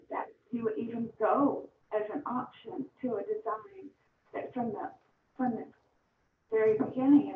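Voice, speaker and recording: A woman calling in to a public meeting, speaking with passionate insistence and sharp rises on key points. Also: on the high side, a little hiss or hum. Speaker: caller giving public comment. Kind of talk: phoned-in public comment. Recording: tinny speakerphone line, echoey and distant.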